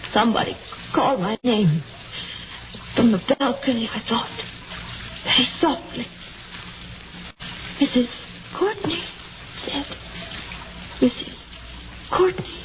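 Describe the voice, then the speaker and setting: A high-voiced, frightened young wife in 1940s radio drama style. She is exhausted and near hysteria, pushing out halting, breathless phrases. The old recording is noisy and muffled. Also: very animated. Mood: haunted. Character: small frightened exhausted wife, hysterical survivor of attempted murder.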